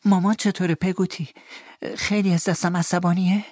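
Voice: mid-range voice, little pitch movement, darkish tone, no echo, voice pushed up, lightly acted. A man voicing a frightened young boy who pleads anxiously in an audiobook, with a dry, close sound.

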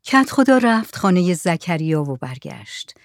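A woman's voice: fairly low pitch, big pitch swings, dry recording. Woman reading a story, dry close sound. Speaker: narrator.

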